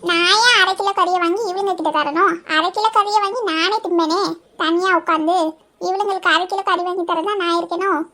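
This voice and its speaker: Woman doing squeaky sharp-tongued cartoon ladies, talk, super high and bright. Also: fairly even intonation, brisk. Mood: grumbling. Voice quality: shrill, scolding. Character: bickering Tamil village women, high and shrill. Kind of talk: cartoon voice acting.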